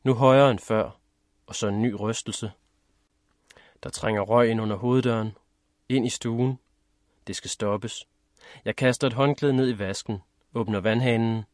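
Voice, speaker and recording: A man narrating a first-person story in a measured, steady reading. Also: fairly low pitch, no room sound, clean studio sound. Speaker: audiobook narrator.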